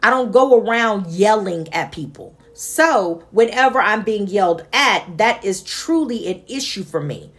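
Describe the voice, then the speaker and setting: A woman with a naturally high-pitched voice and lively intonation reflects on a dream and her faith in an earnest, passionate monologue. She talks unhurriedly with few pauses, laughing occasionally between points.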